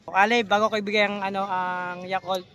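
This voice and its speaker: A man's voice: high voice, level tone, fairly quick, pushed and bright, a faint crowd. A man vlogging outdoors by the seaside, teasing and coaxing a child with playful questions. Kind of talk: casual vlog narration.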